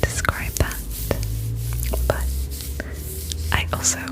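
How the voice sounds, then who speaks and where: Female ASMR host for a whispered pep talk: gentle, reassuring, unhurried delivery, fully whispered. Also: low-quality recording. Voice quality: whispering, breathy unvoiced voice. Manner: gentle, reassuring, slow and reflective.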